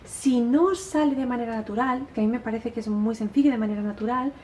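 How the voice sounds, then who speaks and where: A woman teacher gives a patient, encouraging lesson to her pupils, checking in with "¿vale?" and chanting verses slowly to count their syllables. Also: fairly high pitch, dark tone, a little hiss or hum. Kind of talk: recorded literature lesson for pupils.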